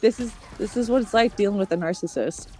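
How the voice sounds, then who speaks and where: A woman's voice: medium pitch, quick pace, mellow, a little hiss or hum. A woman streamer telling a long story in casual chat. She acts out the other people's lines and swears often.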